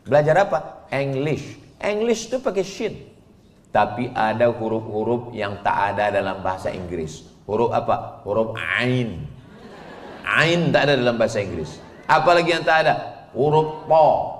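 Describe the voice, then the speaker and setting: A man preaching a sermon to an audience, teasing and questioning them in a lively back-and-forth. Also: mid-range voice, moderate pace. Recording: echoey hall, long reverb.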